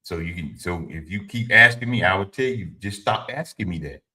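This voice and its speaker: Man in his fifties, low and forceful, livestream host with a preachy advice style. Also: animated, moderate pace. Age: 50s. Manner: informal and preachy, repeats his points; speaks to viewers directly, answers chat. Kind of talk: motivational talk to a live audience.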